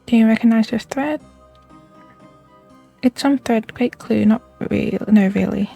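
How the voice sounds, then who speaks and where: A woman's voice: fairly high pitch, a little slow, gravelly, mellow, faint music behind. A woman casually playing a video game and reading its dialogue aloud as she goes.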